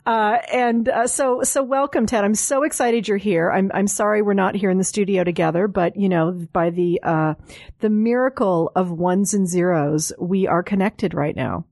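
A woman's voice: mid-range voice, normal speed, creaky, darkish tone, no room sound, clean studio sound. A woman hosting an interview in a casual, chatty style. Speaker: host, interviewer. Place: studio.

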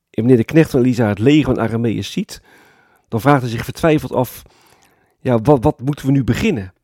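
A man preaching a sermon as pastor, explaining calmly and often adding a tag word to his points. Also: medium pitch, dry recording, studio quality. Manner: calm explanatory preaching with frequent "hè" tags.

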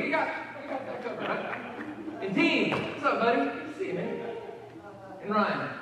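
A man's voice: extremely high pitch, background noise. A male pastor, preaching a folksy, joking sermon to his congregation in a church hall. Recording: echoey hall, mic at a distance.

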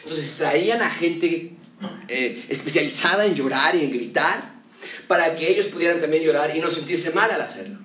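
A man preaches an expository sermon with emphasis, throwing rhetorical questions at his listeners. His voice sits a little high for a man. He is heard from some distance in an echoey room. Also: expressive, normal speed, a bit bright. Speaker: pastor.

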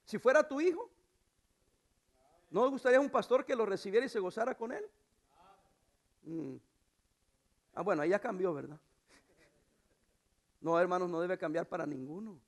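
Man, pastor, sermon, high voice, gravelly, hushed to loud emphatic swings. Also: lively intonation, normal speed, pauses often. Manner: acts out quoted voices in a high pitch.

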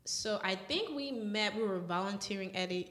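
A woman podcast host talks casually with wry, joking delivery. Her voice is mid-pitched, and the room around it sounds noticeably echoey. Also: moderate pace, a bit bright. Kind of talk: casual chat.

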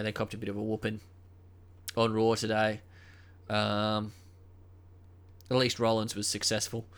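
A young man hosting a solo podcast in a casual, rambling way, full of ums and uhs and a flat, unimpressed tone. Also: mid-range voice, smooth. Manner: unenthusiastic, dismissive. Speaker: podcast host.

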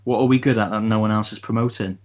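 A man with a lowish voice talks through his podcast topic casually, often stopping to restart his sentences. He keeps dropping in fillers as he thinks. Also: fairly even intonation, quick pace, a little mellow. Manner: hesitant, many restarts and fillers. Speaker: podcast co-host. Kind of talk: casual chat.

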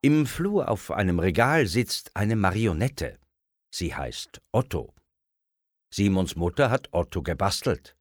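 A man reading a children's story aloud in an expressive storyteller style. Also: low voice, a little slow, no echo, clean studio sound. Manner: expressive, acts out voices.

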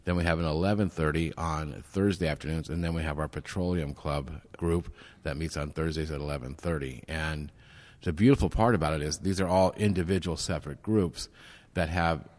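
A man's voice: extremely low pitch, fairly quick. A man being interviewed about his networking group, recorded in a large golf course banquet room where his voice rings with a big hall echo. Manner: steady and explanatory. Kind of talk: interview guest explaining at length.

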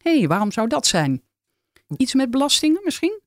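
A podcast host who reads excerpts from an article in an even, measured way and asks the guest questions. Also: sits high, dry recording, studio quality.

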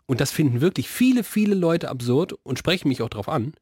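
A man's voice: a little high, animated, brisk, darkish tone, slightly rough, no echo. A man co-hosting a podcast in casual comedic chat, teasing his partner with dry quips. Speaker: podcast co-host.

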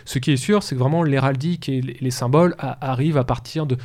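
Man, radio studio guest, mid pitch, halting explainer, fillers and restarts. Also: a little mellow. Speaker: history guest explaining heraldry. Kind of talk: radio talk show explanation.

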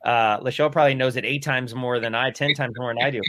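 A man's voice: medium pitch, steady tone, fast talker, pushed and bright, no echo. A man in his forties talks in a casual group discussion. His speech rambles and restarts, with a self-deprecating tone. The recording is dry and close, with a mid-range voice.

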